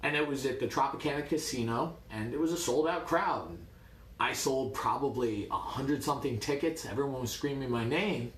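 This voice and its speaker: A man from New York, a martial arts coach, telling a story in a lively, wry way. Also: medium pitch, moderate pace, roomy sound, a little hiss or hum. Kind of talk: casual storytelling.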